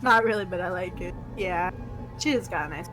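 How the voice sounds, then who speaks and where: A young woman streaming a game, excitable and casual, swearing and talking over her co-player. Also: on the low side, brisk, over music. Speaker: gaming streamer. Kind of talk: casual let's-play chat.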